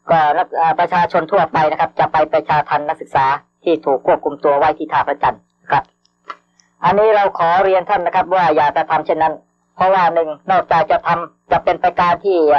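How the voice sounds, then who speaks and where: A man making a formal, polite public appeal over a radio broadcast, with some hesitations. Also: on the high side. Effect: heard over a radio broadcast. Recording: dull lo-fi archival radio broadcast.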